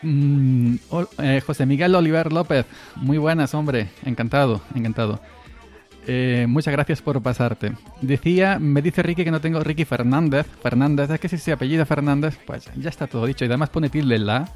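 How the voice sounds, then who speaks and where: With a slightly high, somewhat mellow voice at a moderate pace, a man in his forties from Granada, Andalusia, hosts a casual live stream. He rambles to listeners, chuckles and repeats words, recorded on a desk mic through an audio interface with faint music playing.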